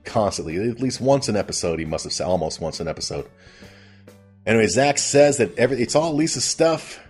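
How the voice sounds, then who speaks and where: Husky man rambling through a comedic recap. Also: on the low side, expressive, brisk, darkish tone, faint music behind. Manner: rambling, amused at his own retelling. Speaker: host. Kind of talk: casual comedic TV episode recap.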